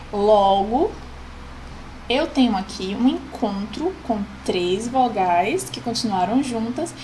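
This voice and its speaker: A woman's voice: a little high, a little mellow, a little hiss or hum, low-quality recording. A woman, patiently explaining a grammar lesson as a teacher and often checking in with the class.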